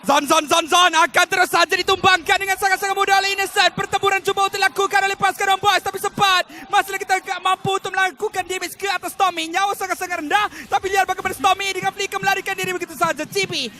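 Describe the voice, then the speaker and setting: A Malaysian man commentating an esports match like a fighting game announcer, excitedly calling the action play by play and dramatizing each kill. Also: very high voice, rapid-fire, few pauses.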